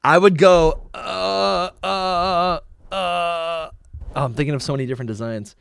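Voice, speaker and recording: A man co-hosting a casual podcast chat, excitable and thinking out loud with lots of fillers. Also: on the high side, unhurried, gravelly, smooth, dry recording. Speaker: podcast co-host.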